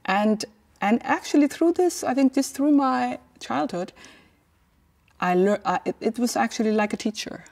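A woman's voice: a little high, moderate pace, creaky, darkish tone. A middle-aged woman, an artist giving a reflective documentary interview and searching for her words. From Iceland. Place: large indoor hall.

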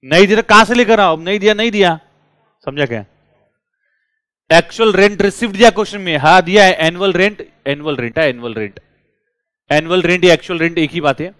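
A man teaching a class, lively and drilling his students with repeated questions. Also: sits high, a little fast, smooth, no room sound. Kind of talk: classroom lecture.

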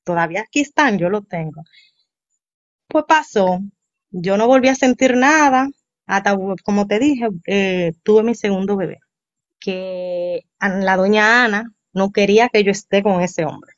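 Woman, 40s, animated storyteller guest, dry muffled recording. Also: medium pitch, a little slow, dry recording. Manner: animated, acts out quoted voices. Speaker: interview guest. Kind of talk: storytelling in casual chat. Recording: dull, slightly muffled sound.

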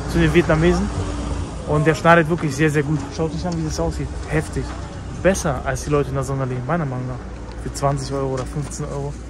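A man vlogging outdoors by a market hall, talking in a hyped, slangy way and repeating himself. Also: a little high. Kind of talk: casual vlog commentary. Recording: street noise outdoors.

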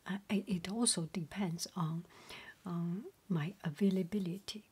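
Slow, breathy whispering woman. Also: lowish voice, fairly even intonation. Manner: halting, often repeating herself. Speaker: home cook and video creator. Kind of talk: whispered ASMR chat.

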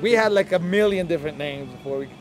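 A man's voice: fairly high pitch, fast, loud music behind the voice. A man from El Salvador, a punk band member, chatting casually outdoors with frequent laughs. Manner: chatty, laughs often, uses fillers. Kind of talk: casual interview. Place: outdoor festival plaza.

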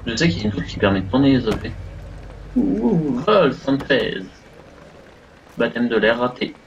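A man streams a horror game live and talks through every move, chatty and full of fillers. His mid-pitched voice comes through a slightly dull desk microphone. A faint hiss sits under it. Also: rapid-fire, distant mic. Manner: chatty, thinks aloud, many fillers. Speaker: gaming streamer. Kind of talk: live let's play commentary.

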